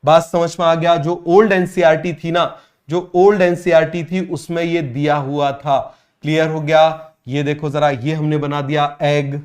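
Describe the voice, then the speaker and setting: A man teaching a biology coaching class who repeats each point, keeps asking students to call out the answer, and drawls key English terms slowly. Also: fairly high pitch, level tone, a little mellow.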